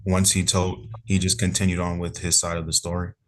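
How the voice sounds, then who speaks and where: A man's voice: deep voice, monotone, a little fast. A police officer testifying in court over a remote call, polite and hedging in his answers.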